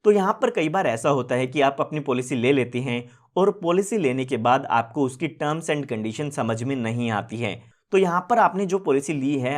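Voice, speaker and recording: A man explaining an insurance plan step by step in a steady, methodical way. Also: medium pitch. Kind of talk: informational video explainer.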